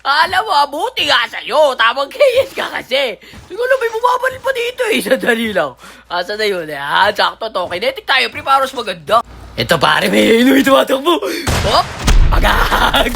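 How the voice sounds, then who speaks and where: A high-pitched woman streams a shooter game, her voice bouncing all over its range with a gravelly rasp. She laughs constantly, chats in slang with her viewers and yells at enemies. Loud gunfire and game noise run behind her. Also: moderate pace. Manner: excitable, laughs often, yells at opponents; slangy, calls viewers "pre". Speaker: gaming streamer. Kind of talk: excited gameplay commentary.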